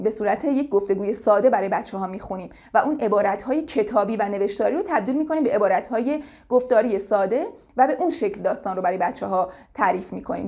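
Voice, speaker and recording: A woman giving informal spoken advice to parents as an educator, in a calm and patient way. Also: medium pitch.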